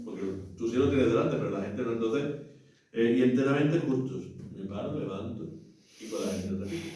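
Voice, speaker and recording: A man instructing parish readers in a relaxed teaching talk, acting out the readings aloud and often checking that his listeners follow. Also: lowish voice, brisk. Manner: explains by acting out readings, frequent "¿vale?" and "¿no?" checks. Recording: very echoey room, mic far off.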